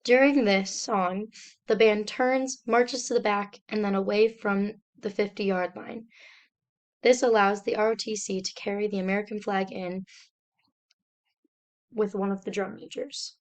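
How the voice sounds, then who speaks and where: A young woman, a student, reading a slide presentation aloud in a steady, step-by-step explanatory way. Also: medium pitch, unhurried, smooth.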